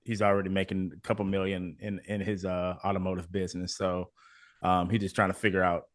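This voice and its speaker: Low-voiced man chatting on a dry call. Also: fast, dry recording. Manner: animated, acts out client quotes, trails off in long run-ons. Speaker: agency owner guest. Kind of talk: casual interview chat.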